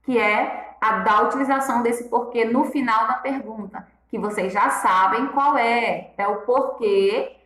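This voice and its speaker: Woman teacher going over answers, slow and patient, kinda high voice, echoey room. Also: fairly bright tone. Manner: patient, repeats each rule slowly with checking questions. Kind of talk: classroom lesson, correcting exercises.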